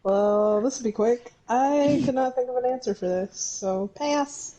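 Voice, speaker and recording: Slow-talking woman co-host. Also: on the high side, dark tone, low-quality recording. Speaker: podcast co-host. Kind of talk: casual chat.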